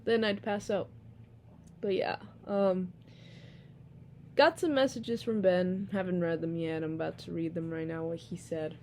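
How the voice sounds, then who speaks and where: A woman's voice: lowish voice, steady tone, a little slow, darkish tone, a little hiss or hum. A sleepy young woman vlogging casually, rambling with lots of fillers and yawns. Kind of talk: casual vlog talk.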